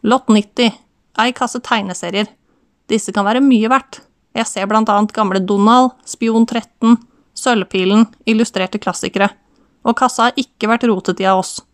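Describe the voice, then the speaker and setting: A man's voice: high-pitched, steady tone, smooth, no room sound, studio quality. A woman doing a wry male auctioneer with a Southern Norwegian accent. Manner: chatty, wry patter. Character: brisk, joking male country auctioneer.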